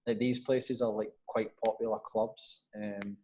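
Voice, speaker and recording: A man's voice: fairly low pitch, flat delivery, a little slow, low-quality recording. A young man with a Glaswegian accent, a guest on a casual podcast, telling rambling stories, swearing freely and laughing often. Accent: Glaswegian Scottish. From Scotland.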